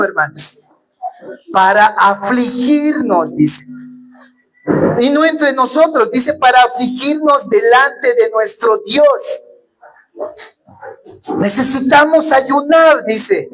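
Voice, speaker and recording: A man's voice: very high-pitched, fairly bright tone, rough recording. Earnest man preaching a sermon. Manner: earnest, asks rhetorical questions, keeps calling the congregation "brothers". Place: church.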